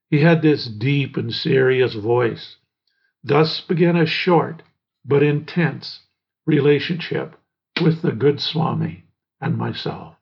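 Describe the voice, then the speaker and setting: An older man reading his own memoir aloud in a measured, reflective way. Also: a little high, creaky, husky. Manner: slow, measured, reflective storytelling. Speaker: memoir narrator. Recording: dull lo-fi recording.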